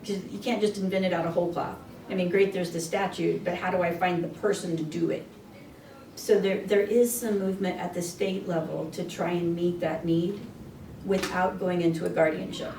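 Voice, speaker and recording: A woman attorney explaining things over a video call, her voice fading in and out as she answers questions with halting restarts. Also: fairly low pitch, steady tone, darkish tone. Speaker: attorney giving a presentation. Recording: echoey, distant call audio with faint noise.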